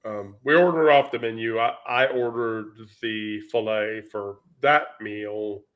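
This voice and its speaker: A man's voice: lowish voice, fairly even intonation, slow pace. A man vlogging in casual storytelling mode, rambling and profane, with many fillers.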